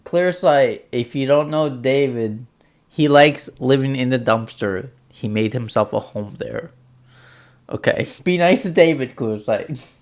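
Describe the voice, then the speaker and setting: A man's voice: medium pitch, unhurried. Man in his 30s, livestream host; mid-range voice, loose joking asides, trails off a lot. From born in Ukraine, raised in the United States. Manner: rambling, jokey, trailing off with "so". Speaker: livestreamer reacting to a video. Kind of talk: casual livestream chat, reading out viewer comments.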